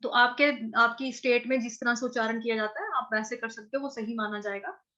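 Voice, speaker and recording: A woman with a North Indian accent, teaching Sanskrit verse pronunciation, patiently repeating syllables slowly and chanting lines. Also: a little high, steady tone, sharp tone, muffled recording.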